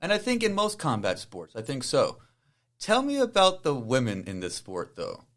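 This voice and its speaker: Lively-voiced male podcast host. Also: mid-range voice, normal speed. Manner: relaxed, rambling questions with fillers. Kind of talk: casual interview.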